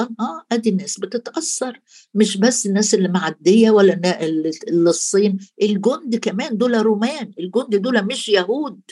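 A woman's voice: mid-range voice, a little mellow, breathy edge. A woman with an Egyptian Arabic accent preaching a conversational sermon, speaking straight to the listener. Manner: conversational, addresses listener directly.

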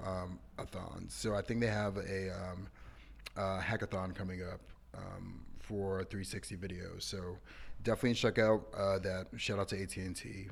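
Brief: laid-back male podcast co-host, very low voice with gravel. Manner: laid-back, many um fillers. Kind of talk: casual chat.

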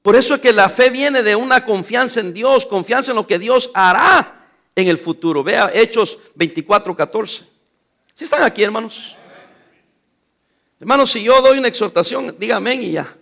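Male pastor, high bright voice, emphatic sermon delivery with call-and-response and teasing asides. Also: normal speed, gravelly. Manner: emphatic preaching, call-and-response questions to the congregation.

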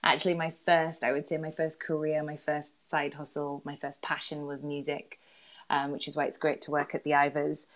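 A woman in her thirties with a Yorkshire accent, chatting as an interview guest about her career, self-deprecating and quick to laugh. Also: sits low, monotone. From Yorkshire, England. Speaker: guest, employment lawyer. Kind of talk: casual interview chat.

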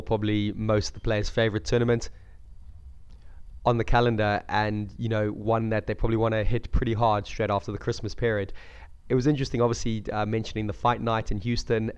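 A man croaky from a cold, chatting casually about sport as a podcast co-host. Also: on the low side. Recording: dull lo-fi audio.

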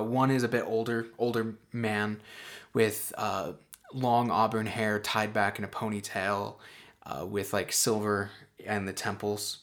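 A man's voice: on the low side, fairly bright tone. A man narrating a tabletop role-playing game as game master, describing scenes with many fillers and restarts.

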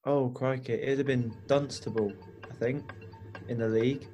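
A man chats as a podcast guest, self-deprecating and full of hedges. His voice sits at a middle pitch, with faint music underneath. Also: steady tone, normal speed, mellow. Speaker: podcast guest, football club insider. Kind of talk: casual chat.

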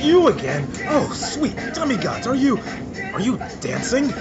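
Actor as a sarcastic, exasperated young guy, animated pitch, over music. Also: measured pace, muffled recording, exaggerated voice. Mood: alarmed. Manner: sarcastic, irritable, snapping. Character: exasperated young male hero, sarcastic and fed up.

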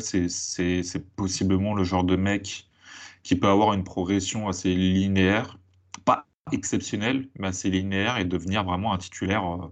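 A man giving casual scouting commentary as an analyst, halting and correcting himself, with English sports terms mixed in. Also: deep voice.

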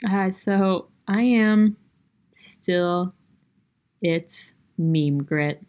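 A woman's voice: lowish voice, drawn-out words, darkish tone. A woman co-hosting a casual podcast, reading reviews aloud with self-mocking asides. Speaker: podcast co-host.

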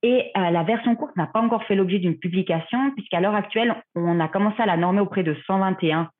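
A woman's voice: medium pitch, quick pace. Thin phone-line woman explaining carefully. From Switzerland. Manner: careful, explanatory, many fillers. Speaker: guest researcher and clinician. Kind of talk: podcast interview answers. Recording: phone-like remote call audio.

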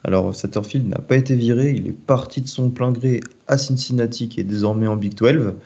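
A man co-hosting a casual podcast, explaining things in a steady way. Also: medium pitch, a little fast, vocal fry, husky, lo-fi sound. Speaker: podcast co-host.

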